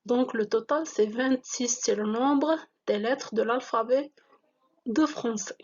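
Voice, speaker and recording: A woman whose first language is Moroccan Arabic gives a slow, classroom-style French reading lesson, spelling out letters and syllables deliberately. Her voice is on the high side and a little mellow, and the audio is dull.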